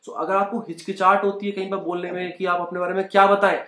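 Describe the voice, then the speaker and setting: A young Indian man gives a Hindi-English lesson at home, teaching spoken English in Hindi and coaxing learners to repeat sentences after him. His voice is high-pitched and fairly bright, delivered fast in a level tone. The room is echoey.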